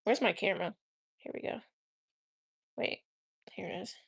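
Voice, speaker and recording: A woman's voice: mid-range voice, normal speed, creaky, breathy edge. A woman chatting casually on a live stream at home, rambling fondly and talking to her houseplants. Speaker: livestreamer offering paid personal readings. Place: her own home, indoors.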